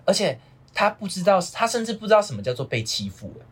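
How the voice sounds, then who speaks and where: A young Taiwanese man chatting as a podcast guest, his Mandarin quick and full of pitch swings. His voice is a bit husky, and he strings anecdotes together in loose, rambling runs. He sounds casual and lively throughout. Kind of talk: casual chat, storytelling.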